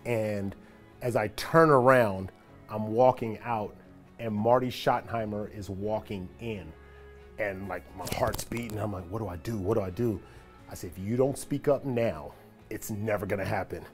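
Relaxed man telling a stadium story. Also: on the low side, moderate pace, soft background music. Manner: relaxed, reflective, animated when greeting a friend. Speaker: former football player giving a stadium tour. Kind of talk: casual storytelling walk-and-talk. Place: empty locker room, then an empty open-air stadium.

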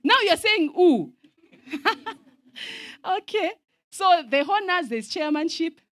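A Zambian woman in her thirties delivers a lively, sermon-style teaching at a camp meeting, speaking English sprinkled with Swahili phrases and calling out for audience responses. She holds a microphone inside a large outdoor tent. Her voice is extremely high and unhurried, and the recording is dry.

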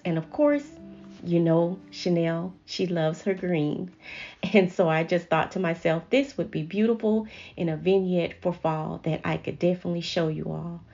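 Woman, low gravelly voice, home decor voice-over, chatty, dull lo-fi sound, soft music behind. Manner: gentle, chatty, talks viewers through each step. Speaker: home decor channel host. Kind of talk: voice-over narration of a decorating video.

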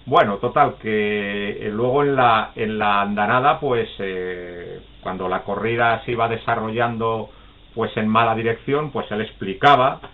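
A man's voice: on the low side, measured pace. A man telling funny anecdotes in a casual live chat, often laughing and acting out the people in his stories. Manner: chatty, laughs often, acts out quoted voices. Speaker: guest storyteller. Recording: phone-like call audio.

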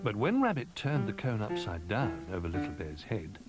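Animated low male storyteller with music. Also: normal speed. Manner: animated, sing-song storytelling. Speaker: narrator. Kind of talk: children's storybook reading. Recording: music under narration.

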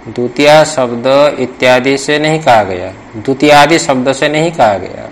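A man's voice: medium pitch, moderate pace, noisy background. A man teaching Sanskrit grammar in a traditional classroom lesson, repeating points and quizzing students for answers.

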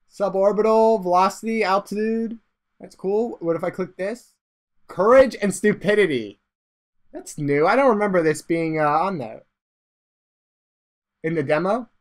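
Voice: mid-range voice, a little slow. A let's play host giving casual, rambling game commentary, often trailing off into mumbles.

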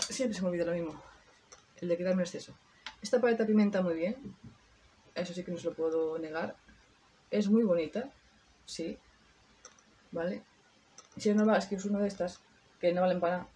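A woman's voice: on the low side, mellow, slight background noise. A woman talking viewers through a makeup tutorial in a chatty way, thinking aloud as she works. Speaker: beauty vlogger. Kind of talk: casual makeup tutorial chat.

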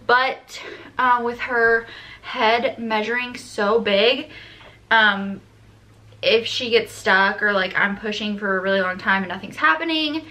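A young woman with a slightly high, sharp voice films a casual pregnancy update at home on a tripod-mounted camera. She speaks unhurriedly, a bit short of breath and chatty, with many ums and likes.

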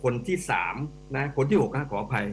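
A middle-aged economics professor appears as a guest on a radio talk show, speaking directly to the hosts with animated, emphatic commentary. His voice is mid-range and his speed normal. The radio studio recording carries a faint mains hum.

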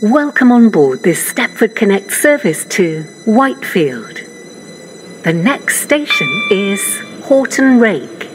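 A woman's voice: mid-range voice, sing-song, slow, a little hiss or hum. A woman's automated on-board train announcements, built from spliced-together recorded words with stilted phrasing.

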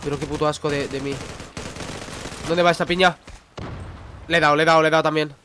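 Spanish guy from spain yelling through a shooter game, high jumpy voice, gunfire going off behind. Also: fast, noisy background. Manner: excitable, exclaiming and talking to himself. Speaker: gaming youtuber. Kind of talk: live gameplay commentary. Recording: gameplay audio with gunfire behind.

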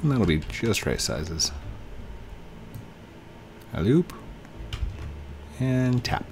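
A man in his thirties with a mid-range, darkish voice and a hint of tiredness offers casual commentary on a building game for his channel, chatting to game objects and humming as he works. He's recorded on a headset indoors at home, with slight background noise.

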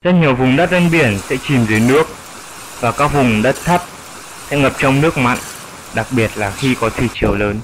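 This dubbed educational cartoon features a man as a wise, elderly grandfather bat, patiently explaining. He uses a mid-range, near-everyday voice at a normal pace, and the recording is rough with slight background noise.

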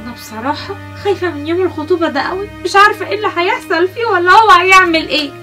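Actress as a fearful young Egyptian woman; high voice, quick, hushed worry. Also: soft background music. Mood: worried. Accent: Egyptian Arabic. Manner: soft, anxious, pleading. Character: worried young woman confiding in her friend. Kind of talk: family web drama acting.

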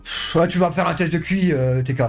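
A man's voice: fairly high pitch, brisk, creaky, loud music behind the voice. A middle-aged man in casual, foul-mouthed gaming chat, quarrelsome and insulting, on a close mic in a small room. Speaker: live streamer playing video games. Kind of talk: casual ranting gameplay chat. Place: small home streaming room.

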